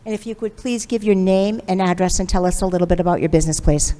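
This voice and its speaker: A woman chairing a town board meeting, running hearings and votes in a brisk, formal manner. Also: on the low side, dark tone. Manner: brisk, formal, reads notices aloud. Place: town hall auditorium. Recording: long reverb in a large hall.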